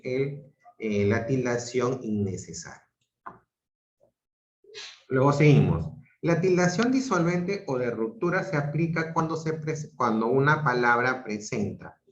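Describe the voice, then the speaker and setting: A male teacher giving an online grammar lesson, explaining step by step and checking in with his students. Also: medium pitch. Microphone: video call. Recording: muffled roomy video-call audio.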